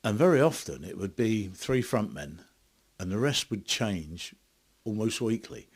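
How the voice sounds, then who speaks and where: Husky low-voiced radio host. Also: male voice, very animated, a little slow. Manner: brief encouraging interjections, chuckling along. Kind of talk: radio interview.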